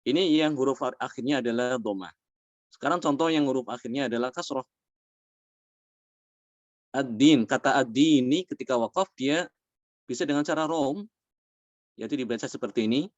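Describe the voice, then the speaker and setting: Male recitation teacher, measured and explanatory, with drawn-out demonstrations; dry, muffled recording. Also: mid-range voice, no room sound. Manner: explains patiently, often adding "ya"; slows down to demonstrate recited words. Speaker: tajwid teacher. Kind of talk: Quran recitation lesson.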